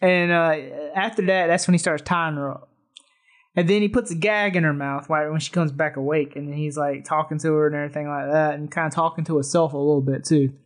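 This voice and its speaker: A podcast host retelling a movie plot in casual, chatty terms, with frequent laughs. The voice sits at a middle pitch, neither high nor low. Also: fairly even intonation, brisk. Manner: storytelling recap, laughs often. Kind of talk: casual movie-recap chat.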